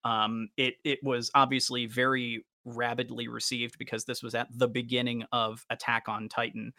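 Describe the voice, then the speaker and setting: A man co-hosting a casual podcast discussion has a mid-range, forward, bright voice with some gravelly fry. He is enthusiastic yet flat and halting, stammering through long, wordy thoughts, in a dry, close recording.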